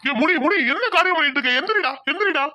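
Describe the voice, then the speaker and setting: A grieving old village landlord from a cartoon drama, voiced by a man, who comforts his family and gives firm orders. The voice is pushed very high and bright. The recording is close and dry. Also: moderate pace, no echo, dull audio. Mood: pleading. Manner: consoling, commanding. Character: elderly male village landlord, grieving grandfather. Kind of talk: Tamil cartoon drama voice acting.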